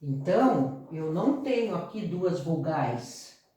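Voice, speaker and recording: A Brazilian woman teaching a grammar lesson, explaining slowly, repeating herself and often checking that the class follows. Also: low-pitched, animated, dark tone. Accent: Brazilian Portuguese. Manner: explains slowly with frequent check-ins and repetition. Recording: echoey room, voice far from mic.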